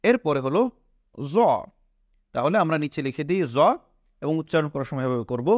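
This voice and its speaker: Speaking quickly, a male Quran reading teacher with a Bangladeshi Bengali accent works through a patient pronunciation lesson, stretching and repeating every letter sound. He asks the class questions and supplies the answers himself, his voice sitting a little high for a man. The sound is dry and close-miked, with no echo.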